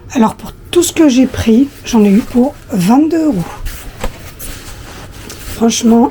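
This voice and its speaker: A woman in her thirties with a husky, slightly hoarse voice, chatting casually to her viewers with many hesitations. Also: on the high side, mellow, slight background noise. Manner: hesitant, many fillers, talks directly to viewers. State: hoarse after flu, coughing. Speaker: lifestyle vlogger.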